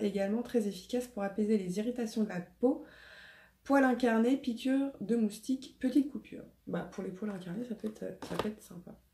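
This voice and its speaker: A woman's voice: medium pitch, mellow. A woman, hesitant and chatty in a casual beauty haul video, with many fillers. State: slight cough after illness. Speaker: beauty vlogger. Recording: echoey room, faint noise.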